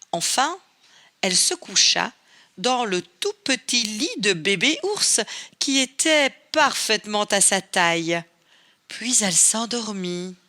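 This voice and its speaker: A woman reading a fairy tale aloud to children, telling it in an expressive, playful way. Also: mid-range voice. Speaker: storyteller.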